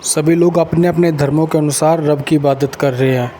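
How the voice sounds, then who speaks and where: A man preaches with insistence, building his points through repeated, chanted lists. His voice sits a little high but sounds dark and mellow. Faint noise runs behind him. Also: steady tone, moderate pace. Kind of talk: sermon.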